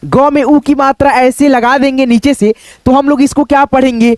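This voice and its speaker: High-voiced man teaching Hindi writing. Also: fairly even intonation, normal speed, darkish tone, dry recording. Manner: patient step-by-step explaining, stretches vowel sounds. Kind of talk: online writing lesson.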